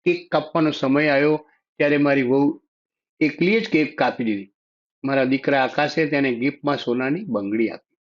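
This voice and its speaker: A man reading a sad story in the first person, in a steady, sorrowful storytelling manner. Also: mid-range voice, moderate pace. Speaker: story narrator. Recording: dull lo-fi audio.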